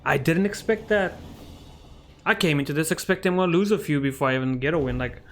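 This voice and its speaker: A man streams his card game and chats his way through each move. His voice sits a little high for a man, and he reasons aloud in a loose, excitable way. Soft game music runs quietly behind him. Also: brisk. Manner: chatty, thinks aloud, excitable. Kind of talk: casual gameplay commentary.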